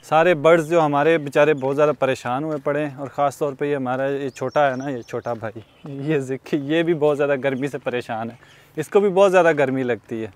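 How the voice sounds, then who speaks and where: With a slightly high voice and a fairly quick pace, a young Pakistani man narrates his casual outdoor vlog from farmland and a building site. He laughs often between sentences, and his lapel mic picks up faint outdoor ambience.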